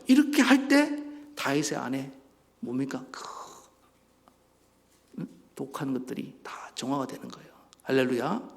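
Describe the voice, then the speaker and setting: A man preaching a sermon as a pastor, animated, acting out voices and asking the congregation questions. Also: medium pitch, creaky. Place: church sanctuary. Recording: church hall reverb.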